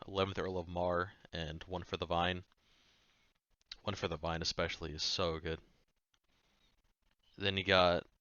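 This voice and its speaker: A man's voice: sits low, bright, forceful tone, smooth, no room sound, highs cut off. A man reviewing music in a rambling, offhand way, swearing casually. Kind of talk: casual chat.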